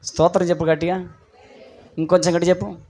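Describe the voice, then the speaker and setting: A pastor preaches a sermon to his congregation in a high, fast, darkish voice with little pitch movement. He acts out short dialogues and calls on the people to respond. A faint hiss or hum sits under the recording.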